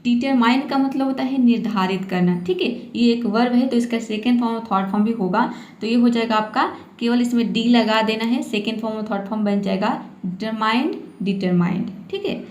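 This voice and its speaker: A woman's voice: a little high, darkish tone, reverberant, muffled recording. Patient woman teaching English vocabulary. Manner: patient, repeats "ठीक है" often; spells out and repeats words slowly. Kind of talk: vocabulary lesson.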